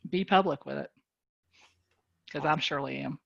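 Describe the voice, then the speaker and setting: A woman with a warm North Carolina drawl speaks low and folksy, laughing easily as she encourages her listeners. She is on a video call, and her voice sounds dry and a little dull. Her talk is casual, motivational chat. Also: normal speed, creaky, dry recording. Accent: Southern US, North Carolina. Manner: folksy, animated, laughs often. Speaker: guest speaker, business leader.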